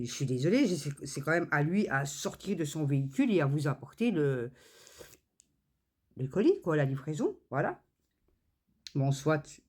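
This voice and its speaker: A woman chats casually while she crafts, telling a story in a loose, animated way. She fills it with hesitations and acts out both sides of the exchange. Her pitch moves around a great deal. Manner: animated storytelling, many fillers and reported speech. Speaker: crafts channel host.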